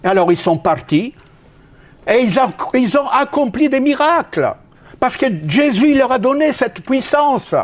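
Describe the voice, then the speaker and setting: An expressive Italian preacher with an Italian accent delivers his sermon forcefully. He breaks off and restarts haltingly, and his pitch swings up and down without warning.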